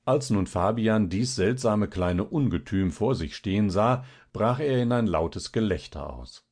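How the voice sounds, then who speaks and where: A man reading a classic literary tale aloud in a measured, expressive way. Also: fairly low pitch. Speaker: audiobook narrator. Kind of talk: literary audiobook narration.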